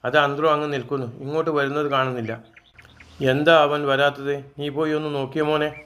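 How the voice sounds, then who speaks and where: A man's voice: fairly high pitch, little pitch movement, fast talker, a bit bright, lightly acted. A man voicing an old grandmother who chides and coaxes her grandson in a told story. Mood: scolding. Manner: chiding, coaxing. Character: fond but scolding old grandmother.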